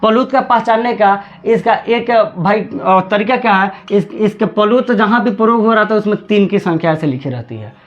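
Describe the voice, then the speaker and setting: A man teaching a grammar lesson, repeating words slowly and drawing out chanted examples. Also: high-pitched, muffled recording.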